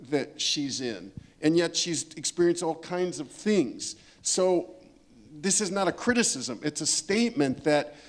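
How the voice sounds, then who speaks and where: A man with a slightly high voice speaks unscripted on a discussion panel about literature, thoughtful and emphatic, rephrasing as he works toward his point.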